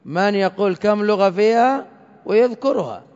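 A man teaching a grammar lesson to a class, speaking deliberately and repeating each word for his students. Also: high-pitched, animated, darkish tone. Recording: dull lo-fi recording in a reverberant hall.

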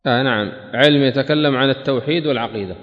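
A male religious teacher giving a question-and-answer lesson, asking each question twice before answering it in a measured, deliberate way. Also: mid-range voice. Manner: asks questions twice, then answers them. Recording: reverberant hall, dull lo-fi sound.

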